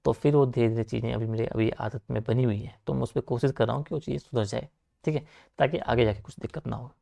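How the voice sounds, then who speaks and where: Gravelly young male coaching teacher. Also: medium pitch, steady tone, dark tone. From Uttarakhand, India. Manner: talks fast, repeats filler like "theek hai" and "aapka". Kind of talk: online lecture, informal asides to students.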